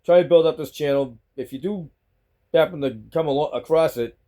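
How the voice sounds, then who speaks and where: Warm and fairly high-pitched, a middle-aged Boston man's voice moves a little fast as he vlogs from home into a selfie-stick phone. He's chatty and rambling, often repeating himself in this casual talk to camera.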